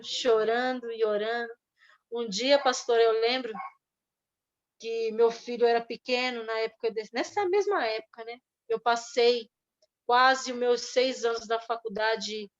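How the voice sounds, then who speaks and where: A middle-aged woman with a Brazilian Portuguese accent giving an earnest personal testimony at church, speaking softly with pauses and restarts. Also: on the high side. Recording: dull lo-fi sound.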